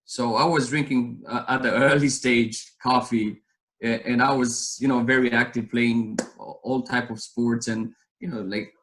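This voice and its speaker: A man's voice: medium pitch, fairly even intonation, measured pace, fairly bright tone, rough recording. Romanian-accented man telling his story. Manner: rambling, earnest storytelling with many restarts. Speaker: guest. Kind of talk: casual interview chat.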